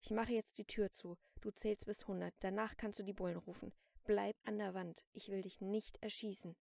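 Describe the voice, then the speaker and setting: A woman's voice: medium pitch, steady tone, normal speed, creaky, mellow, no echo, clean studio sound, natural voice. A woman reading an audiobook, voicing a desperate armed teenage girl who speaks in tense, clipped commands. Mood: cold.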